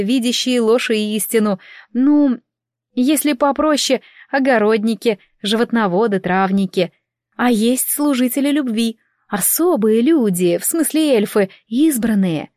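A woman voicing a sharp-tongued former elf woman who mocks and gloats. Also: fairly high pitch, dry recording, studio quality, voice pushed up, natural voice. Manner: mocking, gloating.

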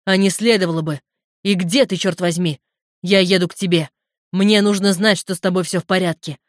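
A woman reading aloud, voicing a furious, protective brother who shouts and swears insistently over the phone. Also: mid-range voice, steady tone, fast, no room sound, clean studio sound, lightly acted.

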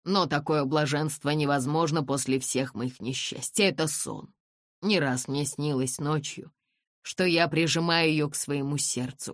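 A reader voicing a blind, brooding middle-aged gentleman who speaks urgently and begs to be answered. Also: mid-range voice, dry recording, clean studio sound, close to an everyday voice. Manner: urgent, imploring, rising to loud commands. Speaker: character voice in an audiobook. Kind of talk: audiobook character reading.

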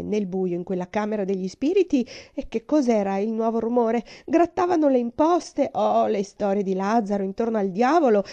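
A woman narrating a classic novel aloud as an expressive, suspenseful audiobook reading. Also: a little high, muffled recording. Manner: dramatic, suspenseful.

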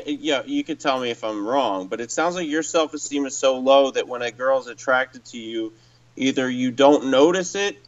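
A man's voice: medium pitch, dull audio. A man hosting a casual talk, giving dating advice in a thoughtful, hedging way. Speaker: host, dating coach.

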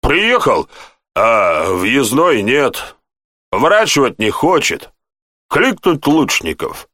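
A man voicing a rude, gap-toothed male gate guard who talks gruffly and grumbles, raised above his own voice. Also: mid-range voice, huge pitch swings, slow, bright, forceful tone, no echo, clean studio sound, voice pushed up, exaggerated voice. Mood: defensive.

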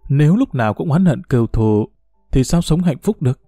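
A man's voice: mid-range voice, expressive, a little fast, mellow, no room sound, clean studio sound, faint music behind. A man voicing a kind, forgiving young woman who talks politely and earnestly to an older man.

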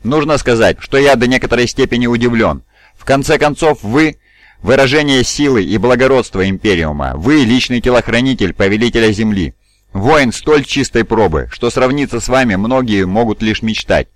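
A weary old regent who schemes in a cool, persuasive voice, voiced by a male reader. He sits at an ordinary middle pitch and carefully measures every word. The sound is dry and close. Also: lively intonation, moderate pace, no room sound, close to an everyday voice. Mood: measured.

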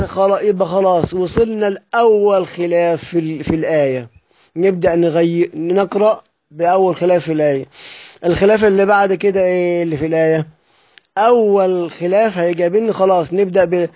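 A man with an Egyptian Arabic accent teaching the rules of Quran recitation, posing questions and answering them himself, and chanting verses slowly. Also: high voice, darkish tone, no echo. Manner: asks and answers his own questions.

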